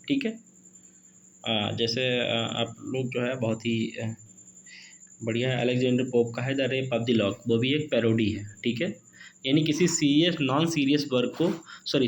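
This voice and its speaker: A man teaching an exam-prep literature lesson, mixing Hindi and English, reading questions out slowly and adding "okay" and "friends" often. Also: medium pitch, lo-fi sound, a little hiss or hum. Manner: reads questions slowly, peppers with "ठीक है" and "दोस्तों".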